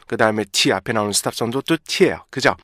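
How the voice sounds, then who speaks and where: A man's voice: on the low side, fairly bright tone, no echo. Guy teaching english pronunciation, patient, keeps checking in, drawls the example words, dry close sound. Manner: explains patiently, slowly drawing out example words; checks in with the viewer often. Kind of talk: pronunciation lesson.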